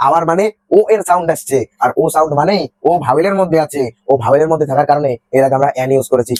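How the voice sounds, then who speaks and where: Young man, teacher, rapid grammar lesson, a bit high voice, dry close mic. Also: darkish tone, no echo. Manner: explains step by step, repeats words, asks and answers his own questions.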